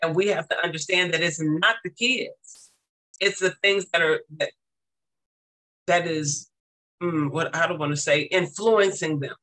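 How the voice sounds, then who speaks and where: Male teacher, high bright voice, emphatic repetitive preaching cadence, casual testimony. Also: a little slow, rough recording.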